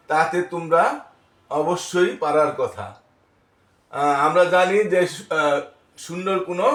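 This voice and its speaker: A male primary teacher counts aloud slowly and patiently for young pupils. His voice sits a little high for a man. The sound carries a noticeable room echo. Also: a bit bright. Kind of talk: first-grade math lesson.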